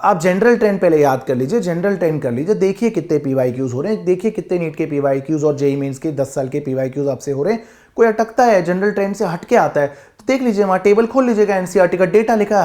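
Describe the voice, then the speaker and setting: Man, chemistry teacher, lively classroom lecture, speaks straight to his students, mellow voice, classroom with board. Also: high voice, fast talker. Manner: lively, addresses students directly.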